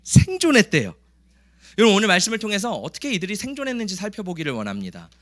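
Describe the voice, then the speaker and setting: A man's voice: high-pitched, wildly swooping pitch, fast, fairly bright tone. A male pastor preaching a sermon, emphatic and questioning, acting out the grumbling Israelites in a raised voice. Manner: emphatic, asks the congregation questions; acts out the grumbling people in a raised voice.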